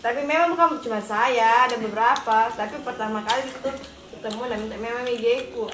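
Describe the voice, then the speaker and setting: A woman's voice: fairly high pitch, fairly quick. A young woman chats casually while eating. The room is echoey and noisy, with dishes clattering.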